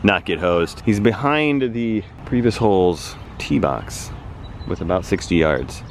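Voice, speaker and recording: A man's voice: low voice, lively intonation, measured pace, a little hiss or hum. A man on a golf course doing playful, teasing commentary on his friends' shots in the style of a TV golf announcer. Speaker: golf buddy and guest. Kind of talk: mock broadcast golf commentary.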